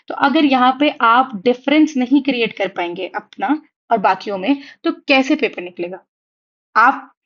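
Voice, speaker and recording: A woman's voice: a little high, lo-fi sound. A young woman teaching an online exam-prep lecture, chatty and reassuring, often checking in with her students. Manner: chatty, reassuring, asks "theek hai?" often. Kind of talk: online lecture in Hindi-English mix. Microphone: writing on a tablet while teaching.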